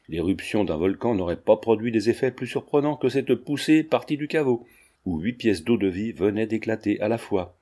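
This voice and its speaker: A man narrating a novel as an audiobook in a measured, dramatic reading. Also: medium pitch, mellow.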